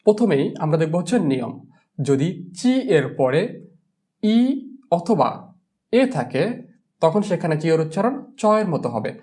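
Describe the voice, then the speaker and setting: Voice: mid-range voice, big pitch swings, normal speed, long pauses, warm tone. Language teacher, Bengali native, pronunciation drill, spells out letters, repeats words, asks and answers own questions. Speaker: Italian teacher. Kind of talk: pronunciation lesson.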